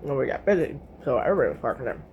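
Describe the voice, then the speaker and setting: Racing through the story in an extremely low, very animated voice, a middle-aged woman recounts a dispute in chatty, blunt fashion, swearing freely. She quotes each back-and-forth ("I said, she goes"), and the lo-fi recording has slight background noise.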